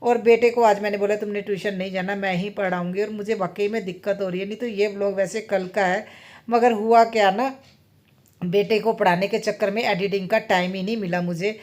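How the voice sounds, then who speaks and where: A woman's voice: mid-range voice, fairly even intonation, brisk, darkish tone. A woman in her thirties chatting casually in a home vlog, rambling and often adding tag questions. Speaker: vlogger and mother.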